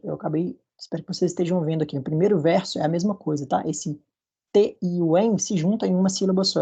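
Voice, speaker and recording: This man has a Brazilian Portuguese accent and a fairly high, mellow, husky voice with vocal fry. He's delivering a recorded university lecture over slides, explaining things patiently and checking in with his students often.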